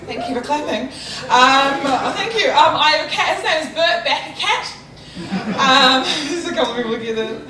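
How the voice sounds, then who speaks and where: A woman's voice: on the high side, far from the mic. A young woman with a New Zealand accent performing a chatty, self-mocking stand-up comedy set on a theatre stage. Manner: chatty, self-mocking, bursts into loud shouting. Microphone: handheld mic. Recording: roomy theatre sound with crowd laughter. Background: audience laughing.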